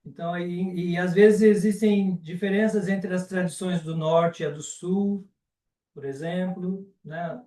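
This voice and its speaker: A man with a Brazilian Portuguese accent teaching a live online class, unhurried and often ending sentences with a checking question. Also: high voice, fairly even intonation, warm tone, distant mic. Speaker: Sanskrit teacher. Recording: roomy and off-mic.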